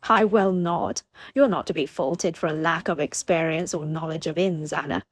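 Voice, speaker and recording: A woman's voice: deep voice, moderate pace, dry recording. A woman voicing a frank, good-humored young lord, close to her own reading voice. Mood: jovial. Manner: frank, jovial.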